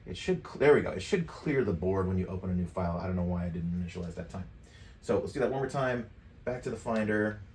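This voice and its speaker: A deep-voiced, animated middle-aged man talks fast while presenting an informal software tutorial step by step, thinking aloud as he clicks, with faint music playing behind him. He's at a computer desk in a home studio room indoors. The USB mic is positioned away from his mouth, capturing an echoey room and clear background noise.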